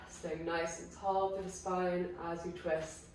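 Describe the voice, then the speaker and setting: Croaky woman coaching exercise in an echoey room. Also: on the low side, flat delivery, slow pace, darkish tone, a little hiss or hum. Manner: chatty, encouraging, self-correcting. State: croaky from illness. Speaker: pilates instructor. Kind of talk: guided exercise class. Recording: very echoey room, distant mic, faint ambience.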